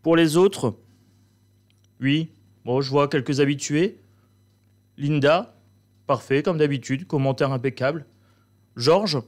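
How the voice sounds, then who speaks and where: Guy doing a bossy fake teacher bit, high voice, theatrical. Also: takes it slowly, long pauses. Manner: mock-stern, theatrical. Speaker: host. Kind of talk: comic teacher role-play.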